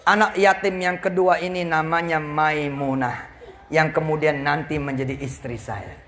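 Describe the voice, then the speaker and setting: A middle-aged man preaching a storytelling sermon, acting out the dialogue with lively, raised voices. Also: a little high, moderate pace, a little hiss or hum. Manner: animated, acts out dialogue with raised voice.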